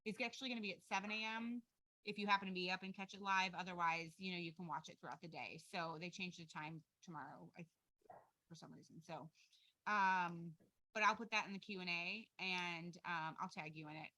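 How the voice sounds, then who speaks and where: A woman's voice: lowish voice, fairly quick, sharp tone, no echo, poor audio. A woman coaching a wellness group, chatting casually and upbeat over a video call, with lots of fillers. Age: adult with a young daughter.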